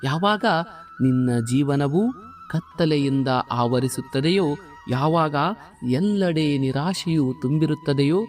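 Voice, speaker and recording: A man voicing the god Krishna in a slow, solemn devotional monologue, consoling a devotee and lifting his voice on stressed words. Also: a little high, a little mellow, soft background music, natural voice. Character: the god Krishna, calm consoling divine male.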